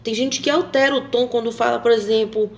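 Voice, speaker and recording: A woman's voice: on the high side, fairly even intonation, a little fast. A woman talking casually to camera, rambling and hesitant, with many fillers and tag questions. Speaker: vlogger.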